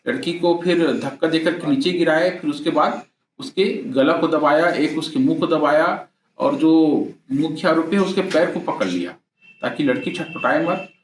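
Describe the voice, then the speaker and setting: A middle-aged man, a police officer, gives a measured, halting press statement with frequent pauses. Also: on the high side. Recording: echoey, distant mic, faint background noise.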